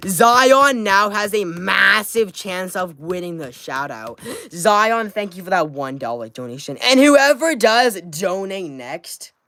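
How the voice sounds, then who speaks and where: A woman livestreamer with a playful gamer-girl delivery, hyping up chat with repetitive, slangy calls and shout-outs to viewers. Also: medium pitch, lively intonation, slow pace, dry recording. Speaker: live streamer hosting a donation and subscriber giveaway. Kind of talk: hyped livestream patter to chat.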